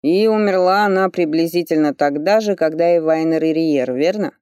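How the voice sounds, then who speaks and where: A reader voicing a stern, commanding male investigator who gives curt, slow, deliberate orders, lower than the narration. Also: darkish tone, smooth, no room sound, clean studio sound, natural voice. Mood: cool, probing. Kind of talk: audiobook character voice.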